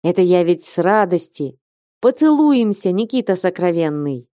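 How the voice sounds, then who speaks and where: Woman doing an effusive excitable young merchant. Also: fairly low pitch, normal speed, dry recording, clean studio sound. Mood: exuberant. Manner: exclaiming, gushing.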